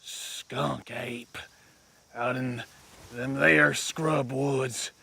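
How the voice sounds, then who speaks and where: An actor playing a simple, fearful backwoods homesteader who talks in a slow, halting rural drawl with a raspy voice. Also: male voice, mid-range voice, fairly even intonation, bright, forceful tone, heavily acted. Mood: wary. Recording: film soundtrack with faint music.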